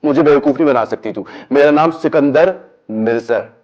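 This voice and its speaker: An actor playing a paranoid, violently jealous husband who rants and shouts in a TV horror drama. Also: male voice, medium pitch, normal speed, dull audio, natural voice. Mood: raging. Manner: ranting, shouting, swinging between growls and yells.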